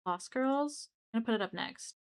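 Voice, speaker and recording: A woman's voice: a little high, lively intonation, moderate pace, clear, resonant tone. Chatty young woman streaming late at night. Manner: rambling and chatty, with frequent restarts and asides to chat. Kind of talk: casual livestream chat.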